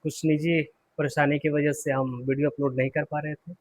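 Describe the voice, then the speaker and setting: A man teaching English pronunciation, slowly repeating words and asking and answering his own questions, clearing his throat often. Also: on the high side, little pitch movement, slight background noise. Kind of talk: classroom lesson.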